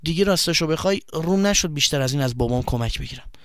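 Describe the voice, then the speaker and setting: A man's voice: fairly high pitch, expressive, a bit bright. A man voicing a shy, earnest boy who explains himself in a bashful way.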